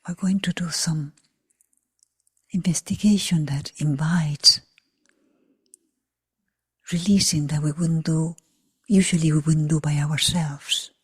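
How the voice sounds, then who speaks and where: A meditation teacher leads a group meditation in a low, very husky, breathy voice that is nearly a whisper. She speaks slowly in short phrases separated by long silences, with fairly even intonation. The recording is close and dry.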